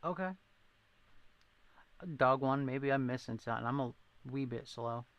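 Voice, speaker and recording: This livestream host, raised in New England near Rhode Island, has a thin Boston accent and reacts to viewers with rambling, self-deprecating humor. His medium-pitched voice is steady and unhurried. The sound is lo-fi, with no echo.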